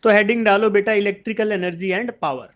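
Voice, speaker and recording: This is a man from India with a fairly high voice, teaching physics in a live online class. He lays out the idea one step at a time, fires questions at the students and answers them himself, and keeps calling them "beta". His technical come out. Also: measured pace, fairly bright tone. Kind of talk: live online exam-prep lecture.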